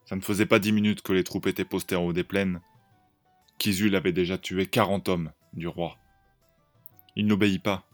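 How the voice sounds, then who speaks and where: A man hosting a podcast, narrating an improvised story in a lively way. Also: low-pitched, moderate pace, long pauses, faint music behind.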